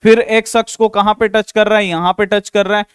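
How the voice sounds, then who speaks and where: A male math teacher who speaks in a high, very crisp voice. He walks through each step of a class 10 problem, patiently repeating himself and addressing his students as "babu". The recording is dry and close. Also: flat delivery, a little fast, no echo. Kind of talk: explaining a class 10 math exercise.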